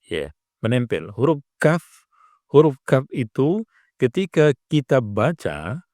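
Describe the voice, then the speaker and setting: An Indonesian man teaches recitation at an unhurried pace, repeating each point patiently. Now and then he slips into long, drawn-out chanted examples. His voice sits mid-pitch and is recorded dry and close, with no room sound. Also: big pitch swings, a little mellow, no room sound. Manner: repetitive, patient, breaks into drawn-out chanted demonstrations. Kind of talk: instructional explanation with chanted call-to-prayer examples.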